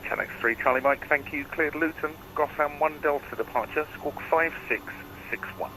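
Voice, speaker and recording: A man's voice: fairly high pitch, moderate pace. A man working as an air traffic controller, giving procedural instructions over the radio. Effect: radio transmission. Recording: radio transmission with faint noise.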